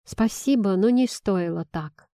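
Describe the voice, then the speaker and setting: Woman doing a shy flustered young heroine, timid little replies, mellow and dry. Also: mid-range voice, unhurried, dry recording, lightly acted.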